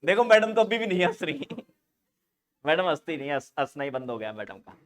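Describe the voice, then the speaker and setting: A man's voice: a little high, brisk. A man teaching a nursing exam class online, joking and teasing his students for laughing. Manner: animated, laughs often.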